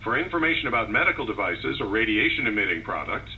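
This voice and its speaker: A man's recorded phone menu voice reading measured, even prompts, heard through buzzy, glitchy internet call audio. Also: on the low side. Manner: measured, evenly read prompts. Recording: muffled distant phone line with faint hiss.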